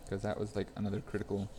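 Young dude live streaming phone repair, rambly and laughy, bit of faint noise behind. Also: male voice, medium pitch. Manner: chatty, rambling, greets chat viewers, laughs often. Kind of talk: casual live-stream chat while working. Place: repair shop workbench.

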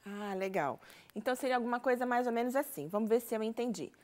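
A woman's voice: on the high side, fast, a little mellow. A woman with a Brazilian Portuguese accent co-hosting a bilingual English lesson, asking her colleague questions to move it along. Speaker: co-host teacher.

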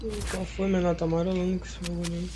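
A young man from Amapá, streaming and chatting casually with a teammate while gaming, slangy and excitable. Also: high-pitched, fast talker. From Amapá, northern Brazil. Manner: slangy, excitable, bursts of loud shouting. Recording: noisy game stream audio.

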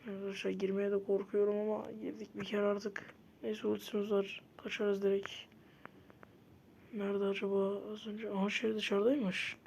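A woman talks through her gameplay in a casual, chatty way. Her voice is soft and mellow rather than bright. She gets easily frustrated and often breaks into loud protests. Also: mid-range voice, completely flat delivery, moderate pace, gravelly, dull audio, slight background noise. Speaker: gamer.

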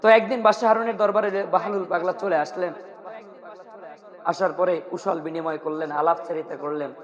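A man preaching a sermon, telling a story and acting out its dialogue with big swings in pitch and volume. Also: steady tone, fairly quick, big-room sound, muffled recording.

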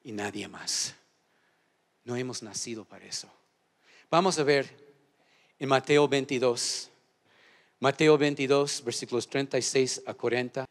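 Leading his congregation in call-and-response, a male pastor preaches in a church auditorium, alternating shouted lines with quiet asides. He speaks at a normal speed in a steady tone and pauses often.

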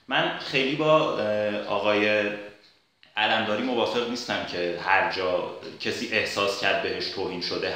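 A man giving an argumentative spoken commentary, pausing often with filler sounds as he builds his case. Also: fairly low pitch, sharp tone. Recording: very echoey room.

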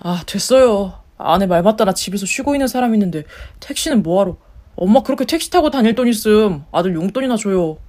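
A woman's voice: mid-range voice, animated, quick pace, darkish tone, close to an everyday voice. Woman voicing a lazy, sulky husband. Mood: teasing. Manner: grumbling, sulky complaints. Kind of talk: story-radio voice acting.

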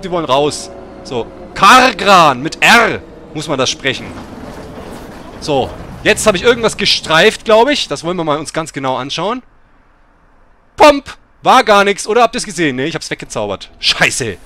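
A man's voice: on the high side, bright, forceful tone, slight background noise. A middle-aged man hosting a bus simulator let's play, chatting and breaking into sudden swearing rants. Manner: swears and rants in angry outbursts.

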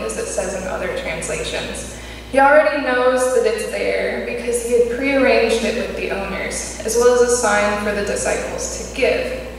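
A young woman preaching a sermon from a pulpit, reading in a measured way. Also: fairly high pitch, a little hiss or hum. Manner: measured, read from notes at a pulpit. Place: church sanctuary. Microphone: pulpit mic at a distance. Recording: echoey church hall, distant mic.

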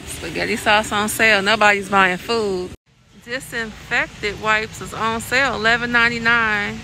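A California woman vlogs on her phone, held at arm's length, first in a car and then inside a large warehouse store, giving chatty running commentary and repeating items as she spots them. Her voice is medium-pitched and steady at a normal speed. The phone audio is poor, with loud store noise behind her.

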